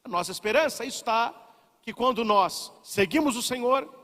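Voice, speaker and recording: A male priest delivers a dramatic sermon, acting out the voices of people he quotes. His voice sits high and leaps around constantly. A long reverb trails behind him, as in a large hall. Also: normal speed. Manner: animated, dramatic preaching that acts out quoted voices.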